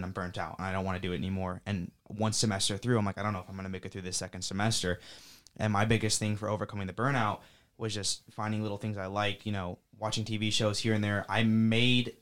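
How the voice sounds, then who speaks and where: A young man talking earnestly in a casual panel discussion, speaking as a student panelist with many fillers and restarts. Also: fairly low pitch. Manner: earnest, rapid, full of fillers.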